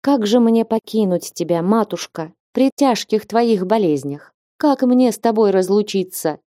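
A woman's voice: medium pitch, animated, unhurried, warm tone, no echo, studio quality, voice pushed up, close to an everyday voice. A woman voicing a tearful, pleading young girl. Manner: pleading, raised, plaintive delivery. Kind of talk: audiobook character reading.

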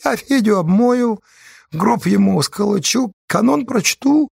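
Male narrator puts on a timid mourner in a storybook, high and thin, hushed and husky. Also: expressive, a little slow, dry recording, clean studio sound, exaggerated voice. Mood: gentle. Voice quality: thin, soft-spoken. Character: quiet meek young male mourner, thin-voiced.

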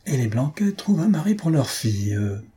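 A man's voice: mid-range voice, sing-song, warm tone, husky, pitched above the performer's own voice. A man voicing a pompous, irritable old painter who blusters and flares up, in a comic audiobook. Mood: effusive. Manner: blustering, quick to anger. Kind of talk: audiobook reading of a comic story.

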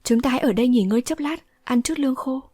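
A woman's voice: high voice, fast, dark tone, no echo, pitched above the performer's own voice. A woman reading the part of a resolute young swordswoman who speaks firmly and decisively, in a dry close recording. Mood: composed. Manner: firm, decisive speech. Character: young heroine, resolute and fierce-tempered.

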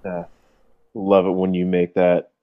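Low-voiced man introducing guests. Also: monotone, a little slow, no echo, narrow, tinny audio. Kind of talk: casual podcast banter.

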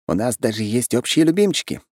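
A man's voice: medium pitch, sing-song, brisk, a little mellow, no echo, studio quality, voice pushed up. A man reading an audiobook, voicing a self-important young man who is boastful and secretive. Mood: smug.

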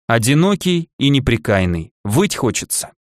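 A man reading a thirty-year-old male ruler and ex-soldier in an audiobook, self-deprecating and gently ironic, in a dry studio recording. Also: medium pitch, very animated, moderate pace, dry recording, close to an everyday voice. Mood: earnest.

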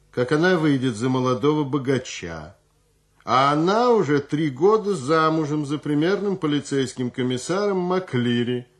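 A man voicing a stern, pedantic older judge who lectures loudly. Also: medium pitch, pitched above the performer's own voice, lightly acted.

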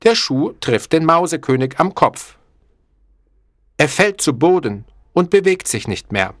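Slow, expressive male storybook narrator. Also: a little high, no echo. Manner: clear, deliberate, expressive.

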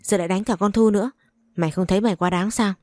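A woman's voice: medium pitch, steady tone, fast, darkish tone, dry recording, close to an everyday voice. A woman voicing a scheming, scolding older mother-in-law in a storybook reading.

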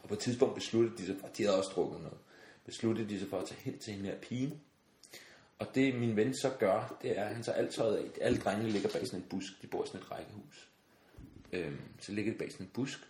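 A man spins a lively comic anecdote in a relaxed chat, slipping into the voices of the people in his story and breaking into laughter. The room sounds roomy and echoing, with a faint hiss of noise under his mid-pitched voice. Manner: animated storyteller, acts out voices, laughs often. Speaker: podcast guest. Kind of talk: casual anecdote telling.

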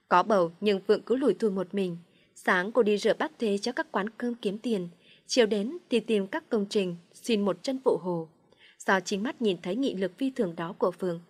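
A woman narrates a story aloud, reading at an even, unhurried pace. Her voice sits at an ordinary middle pitch for a woman.

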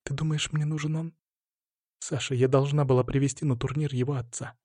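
A man voicing an anxious young woman who pleads in a rushed way. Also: medium pitch, fairly even intonation, warm tone, no echo, studio quality, natural voice. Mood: pleading.

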